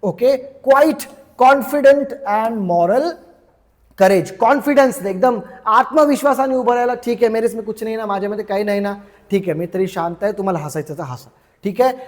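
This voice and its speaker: A man teaching English through a story, explaining each word slowly and repeating its meaning, chatty and checking in with his listeners. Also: sits high, long reverb tail. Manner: chatty, checks in with "ठीक आहे".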